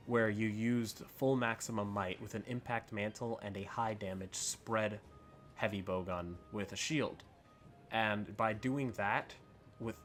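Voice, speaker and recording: A man with a fairly low voice hosts a gaming video over background music. He talks casually and without a script, rambling a little and thinking aloud as he reviews things. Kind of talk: casual unscripted gameplay commentary. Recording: music under the voice.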